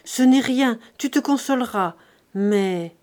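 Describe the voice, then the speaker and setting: A woman's voice: on the high side, takes it slowly, a little mellow. A woman reading an audiobook, voicing a cold, calculating old miser who speaks bluntly and matter-of-factly. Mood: dismissive. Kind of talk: audiobook reading of a classic novel.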